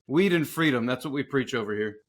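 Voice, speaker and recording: A man in his forties co-hosting a podcast in casual banter, crude and joking and quick to laugh. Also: medium pitch, lively intonation. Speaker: podcast co-host.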